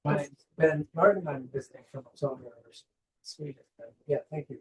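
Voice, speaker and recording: A man's voice: fairly high pitch, quick pace, darkish tone. A man asking a long question from the audience at an academic seminar, rambling and correcting himself. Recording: roomy audio from far off the mic.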